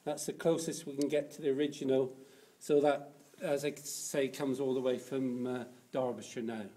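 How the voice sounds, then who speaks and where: A man working as a cathedral tour guide, explaining things informally and in a halting, unscripted way. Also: medium pitch, level tone, dark tone.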